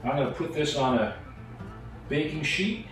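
A middle-aged man hosts a home cooking show, chatting casually and making self-deprecating, mock-nervous asides as he works. His voice is fairly high and fairly bright, at a normal speed. A distant camera on the counter picks up roomy kitchen echo, with music playing behind him.

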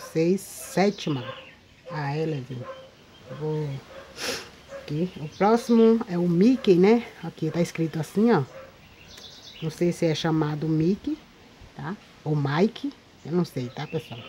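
A woman's voice: deep voice, dark tone. Chatty Brazilian woman outdoors in wind. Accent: Brazilian Portuguese. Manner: chatty, addresses viewers often with tag questions. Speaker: paper craft video maker. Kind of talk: casual show-and-tell vlog. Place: outdoors in a windy spot.

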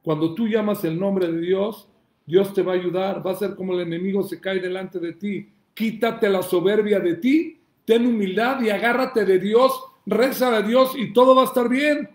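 Male rabbi, fiery question-and-answer sermon delivery, high-pitched, recorded in a reverberant room. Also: normal speed. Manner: emphatic preacher, asks and answers his own questions, shouts calls to God.

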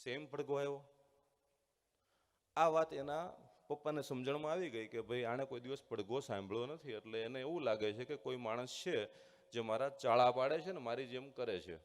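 A man who is a former student giving a motivational speech with a story to schoolchildren, earnest, acting out voices and slowing down for key points. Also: medium pitch. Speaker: guest speaker, former student addressing schoolchildren. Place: large hall at a school event. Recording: long hall reverb.

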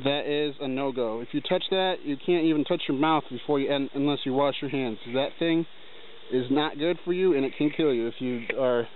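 Out in the forest, a young hiker narrates a casual vlog into a handheld camera held at arm's length, talking loosely as he walks. He speaks at medium pitch and fairly quickly, and the lo-fi audio is tinny with a faint hiss.

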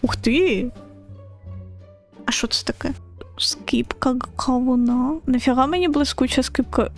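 Over soft background music, a young woman with a high-sitting voice and measured pace streams a game. Her commentary is casual chat, broken by squeals and laughter whenever she gets scared.

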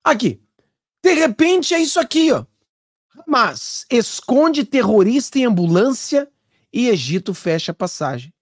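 A woman with a Brazilian Portuguese accent hosts an opinionated political commentary vlog. She talks in a sarcastic, mocking, emphatic way, and her pitch swings widely up and down. The sound is dry and close. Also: big pitch swings, measured pace, no room sound.

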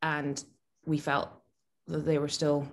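A woman's voice: deep voice, little pitch movement, slow pace. A woman co-hosting a casual chat, thinking aloud with hesitant fillers and restarts. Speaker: co-host from the bakery.

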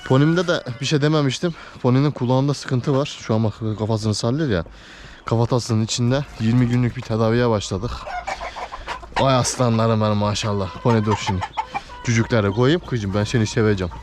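A man's voice: mid-range voice, fairly even intonation, fairly quick. A man filming his poultry on a head-mounted camera outdoors at a coop, chatting casually to viewers and cooing at his dog and chicks. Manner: affectionate baby talk to his dog and chicks. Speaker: poultry keeper vlogger. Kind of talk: casual chat with viewers and animals. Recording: loud farmyard noise behind the voice. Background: loud chickens and roosters.

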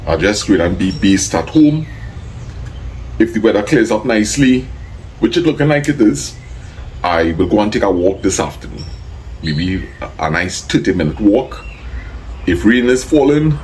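A man's voice: on the low side, a little mellow, a little hiss or hum, rough recording. A man with a Trinidadian accent, chatting casually to his viewers and thanking people by name. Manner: easygoing, thanks people by name, gives plain advice. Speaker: vlogger. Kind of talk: casual vlog chat.

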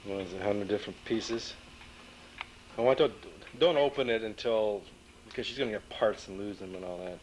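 A man's voice: on the low side, animated, moderate pace, gravelly, darkish tone, slight background noise, rough recording. A man narrating and coaxing a toddler while filming a home video, heard from an old VHS tape through the camcorder's built-in mic. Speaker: family member filming at home. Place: home living room on Christmas morning. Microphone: camcorder built-in mic, operator behind camera.

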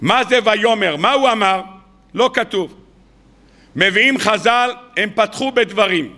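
A man's voice: sits high, expressive. A man, a rabbi, preaching to an audience in a colloquial storytelling sermon, acting out the people in his tales. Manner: colloquial, addresses the audience as "gentlemen". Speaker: rabbi giving a weekly Torah talk. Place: evening lecture before an audience.

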